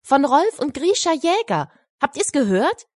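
A woman voicing an excited young boy in a storybook reading, lively and eager. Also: moderate pace, dry recording, studio quality, close to an everyday voice. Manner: eager, high and loud.

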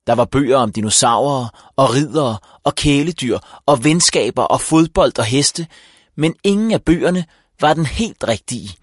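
A man narrating a children's audiobook in an even storytelling delivery. His voice sits at a middle pitch. The recording is dry and close, with no room sound. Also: breathy edge, no echo.

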